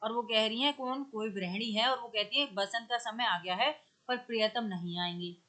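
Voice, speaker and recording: A woman teacher explaining grammar step by step, reciting verse lines slowly and drawing them out. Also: a little high, sharp tone. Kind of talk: exam-prep grammar lesson.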